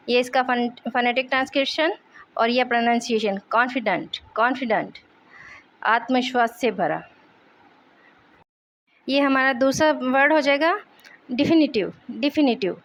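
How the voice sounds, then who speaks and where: High-voiced woman teaching vocabulary. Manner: repeats each word slowly, steady teaching pace. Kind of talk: explaining vocabulary in Hindi for exam prep.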